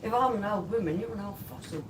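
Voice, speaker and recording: A woman's voice: fast talker, far from the mic. A woman in her forties, co-hosting a live beer review stream, laughing often and firing back playful comebacks. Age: 40s. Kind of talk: casual live-stream banter. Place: indoor room, live stream. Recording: roomy, off-mic, clear background rumble.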